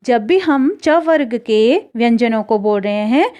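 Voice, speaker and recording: A woman's voice: a little high, animated, unhurried, a little mellow. A woman teacher giving a patient lesson on how speech sounds are made, having children repeat after her. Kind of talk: classroom lesson on pronunciation.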